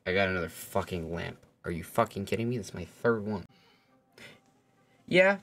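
A man's voice: deep voice, expressive, normal speed, fairly bright tone. A young man livestreaming a game, chatting casually and joking with chat and friends, swearing freely. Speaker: streamer.

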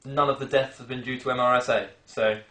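A man's voice: mid-range voice, fairly even intonation, a little fast, a bit bright, far from the mic, close to an everyday voice. Boastful, breezy male consultant played by a young actor for spoof interview, recorded off mic in echoey room. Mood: smug pitching. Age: young adult. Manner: breezy, self-satisfied.

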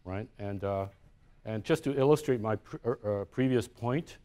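His voice is fairly low and warm, and he keeps a moderate pace. Speaking live in a university room about his own artworks, the man thinks aloud in a conversational way, often restarting and asking "right?".

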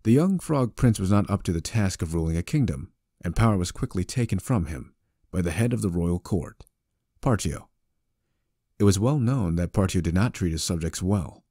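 A man's voice: low-pitched, expressive, normal speed, dark tone, no room sound, clean studio sound. A man narrating an audiobook in a wry, conversational storytelling manner.

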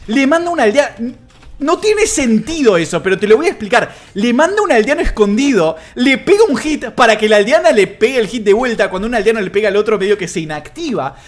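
Lively Argentine game caster, man. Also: high-pitched, quick pace, hardly any pauses. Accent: Argentine Spanish. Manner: excitable, swings between calm play-by-play and shouted disbelief; swears casually. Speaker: streamer and caster. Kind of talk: live game commentary.

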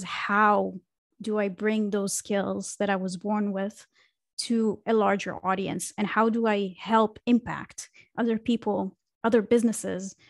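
With a mid-range voice and no echo, an Israeli woman working as a marketing consultant reflects on her career during a casual podcast interview. She's on a video call from a small room at home, speaking into a studio microphone, and her telling is dotted with fillers and restarts.

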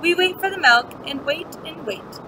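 A young woman with a high, animated voice, seated in an indoor classroom, reads a picture book aloud at normal speed. She uses simple, teacherly phrasing and asides for little children. A webcam mic captures clear background noise.

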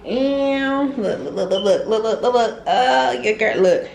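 A woman's voice: fairly high pitch, unhurried, darkish tone, poor audio. A young woman, chatting loosely to viewers in a casual cooking vlog, filmed on a phone in a small home kitchen. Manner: chatty and loose, talks straight to viewers as "y'all". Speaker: vlogger. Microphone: handheld phone camera. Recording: home kitchen with clear frying and stovetop noise.

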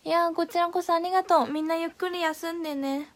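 A young woman with a high voice talks to her viewers on a live stream, playful and quick to giggle. She reads out their comments and answers them in a relaxed, chatty way.

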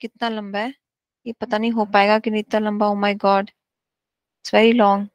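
A woman giving a devotional class, reading slowly in English and explaining quickly in Hindi. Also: mid-range voice, level tone, smooth, no room sound. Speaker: spiritual teacher.

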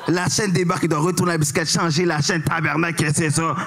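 A young man in his twenties does a stand-up set on a club stage, speaking Québécois French with a Québécois accent, packed with slang and English words and frequent checks on whether you follow. His voice is a little high and a bit bright, with little pitch movement, and he talks fast.

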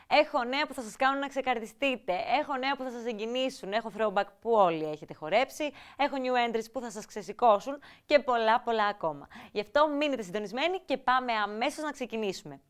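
A woman hosting a TV show, presenting in an upbeat, energetic scripted way and mixing in English words. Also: a little high, few pauses, clean tone. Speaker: TV show host.

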